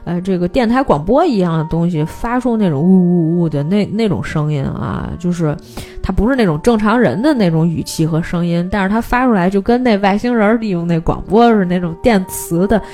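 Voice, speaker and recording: A woman hosts a film podcast. She retells a movie plot in a casual, animated way and acts out the characters' lines. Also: lowish voice, brisk, soft background music.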